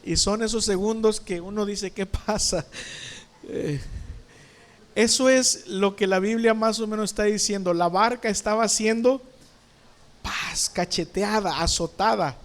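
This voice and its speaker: A male pastor preaches a sermon in church. His voice sits high, and he keeps asking the congregation questions. He brings scenes to life with sudden sound words. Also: fairly even intonation, moderate pace.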